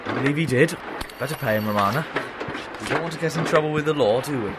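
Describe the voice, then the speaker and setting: A man's voice: medium pitch, fast talker, very noisy, lightly acted. A man playing the Doctor, an eccentric time traveller, with a breezy, theatrical manner in an audio drama. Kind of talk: amateur audio drama acting.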